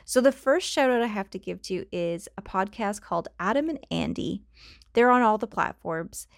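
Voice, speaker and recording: Her medium-pitched voice is expressive and creaky at normal speed as she hosts her own casual podcast with a Canadian accent, chatty, rambling off on tangents and laughing often. It's recorded on a cheap home mic, with no room sound and clean studio sound.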